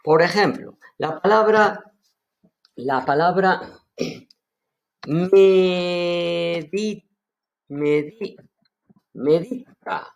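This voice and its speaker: A man from Seville with an Andalusian accent, teaching an online language lesson and enthusiastically explaining words, repeating them slowly. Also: high voice. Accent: Andalusian Spanish. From Seville, Spain. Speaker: Aramaic teacher.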